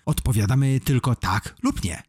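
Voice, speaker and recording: A clever little girl fires off bossy questions in a raised, lively voice, as a man reads her in a children's storybook. The tone is husky, the sound dry and close. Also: mid-range voice, moderate pace, dry recording, lightly acted. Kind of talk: children's audiobook reading.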